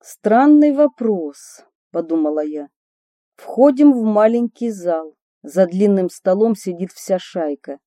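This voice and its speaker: A woman's voice: mid-range voice, expressive, slow pace, dark tone, no echo, clean studio sound. A woman reading her memoir aloud, telling the story expressively with a light ironic touch. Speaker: narrator of her own memoir.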